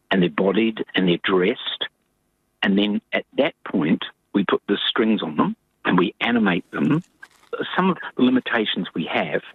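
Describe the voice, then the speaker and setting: An older man from New Zealand, a puppet maker interviewed over the phone, telling his story in an animated, rambling way. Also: low-pitched, creaky, breathy edge, no room sound. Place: home in rural Queensland, Australia, on a phone line. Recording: tinny dry phone line.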